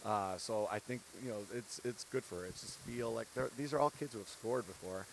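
In a low-quality recording with slight background noise, a head basketball coach in his thirties talks a little fast in a fairly low pitch. It's a candid, earnest post-game interview on a handheld mic at a courtside set in an empty arena, with laughs between his points.

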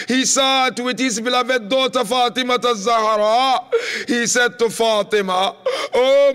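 A very high, bright man's voice delivers a mournful sermon, sliding between chanted lines and tearful sobs. His tone is smooth and clear. Long reverb from a large hall rings around him. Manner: chanting, tearful lament with sung and sobbing lines. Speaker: preacher.

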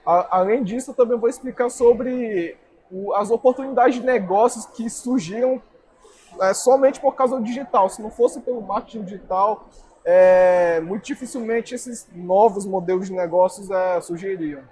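Young guy answering interview questions, kinda high voice, earnest, light background hum. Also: moderate pace, darkish tone. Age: young adult. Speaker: guest speaker. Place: indoor trade fair booth.

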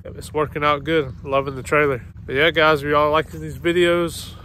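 At a work site outdoors, a laid-back man in his thirties chats about his dumpster rental and tree service business in a slightly high voice at a moderate pace, saying "y'all" in a folksy way. The vlog is filmed on a phone held at arm's length, with faint background noise.

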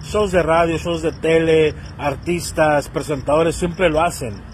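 Recording himself on his phone's selfie camera outside, a vlogger in his thirties with a Mexican Spanish accent rants in an animated, slangy way and mimics the voices of people he quotes. He speaks a little slowly at a fairly high pitch, with slight background noise.

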